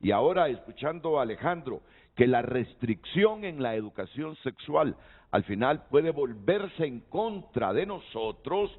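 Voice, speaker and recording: Speaking a little slowly, with medium pitch and big swings in intonation, a Honduran TV host moderates a panel. He asks questions and invites guests' opinions, restarting hesitantly; the broadcast audio is tinny and lo-fi.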